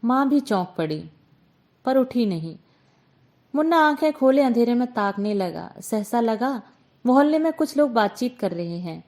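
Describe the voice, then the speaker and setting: A woman storyteller reading a short story aloud in a calm, measured way. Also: on the high side. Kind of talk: scripted narration.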